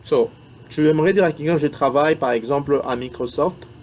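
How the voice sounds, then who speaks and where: A man teaching English in French, repeating English words and phrases slowly and with emphasis. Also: on the high side, darkish tone, slight background noise. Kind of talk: spoken English lesson in French.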